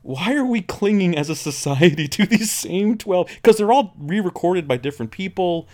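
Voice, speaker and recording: A man's voice: high-pitched, lively intonation, normal speed, a little mellow. Rambling man in his forties. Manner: rambling, many fillers and restarts. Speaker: podcast co-host. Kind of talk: casual chat.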